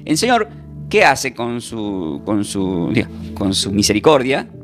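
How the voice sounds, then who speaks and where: Male pastor preaching over soft music. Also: on the low side, wildly swooping pitch, a little slow. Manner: rhetorical questions and call-and-response with the congregation. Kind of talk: sermon.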